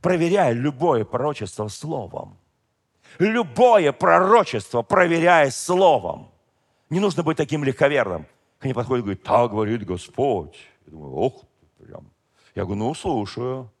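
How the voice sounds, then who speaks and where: A middle-aged man, a pastor and bishop, preaching an emphatic Pentecostal sermon that drops at times into quiet asides. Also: mid-range voice, sing-song, moderate pace.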